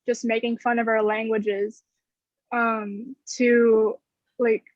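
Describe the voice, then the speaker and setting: A young adult woman student joins a casual video call from her bedroom, which has string lights, speaking through her laptop webcam. Her slightly high voice is flat and slow, hesitant and full of "like" fillers, and the webcam sound is dull and dry.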